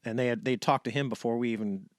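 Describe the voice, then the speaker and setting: Animated man telling a story, dry sound. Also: mid-range voice, fast talker, no echo. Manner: animated storyteller, acts out quoted dialogue. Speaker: interview guest, retired navy fighter pilot. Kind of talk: casual storytelling interview.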